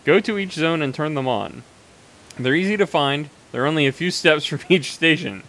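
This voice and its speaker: A man's voice: a little high, normal speed, fairly bright tone, poor audio. Man reading out a scheming old man's orders. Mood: commanding. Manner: reading a note aloud in a slightly raised voice.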